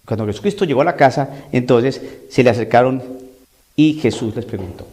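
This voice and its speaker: A man's voice: mid-range voice, a little fast, darkish tone. A man preaching a sermon, emphatic and repetitive, often acting out the voices he quotes.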